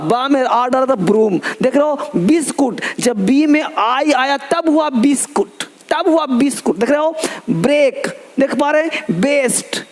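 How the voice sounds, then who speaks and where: A man teaches English phonics in a video lesson, his voice pitched unusually high. He drills each letter sound aloud and speaks straight to his viewers. His delivery is emphatic and repetitive. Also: expressive, a little slow.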